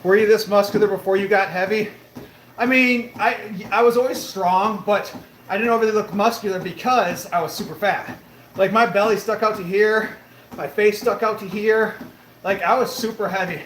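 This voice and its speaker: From an indoor home room with a treadmill, a late-thirties man hosts a live stream and responds to comments in an encouraging, upbeat way. His voice is high, steady, and slightly bright, moving at a moderate pace. There is a roomy echo and faint background noise.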